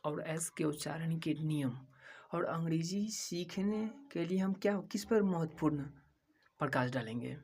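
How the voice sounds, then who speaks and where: A man's voice: fairly high pitch, a little slow, a little mellow, husky. A man from India teaching a language lesson. He spells out words letter by letter, repeats each one, and asks questions that he answers himself. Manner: repetitive drilling of each word. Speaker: English teacher.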